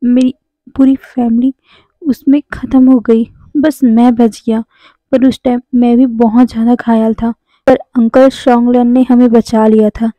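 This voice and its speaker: A woman's voice: a little high, level tone, measured pace, dry recording, dull audio, natural voice. Teasing young man, read by a woman. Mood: sad. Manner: playful, then subdued. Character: teasing young man, childhood friend, grieving.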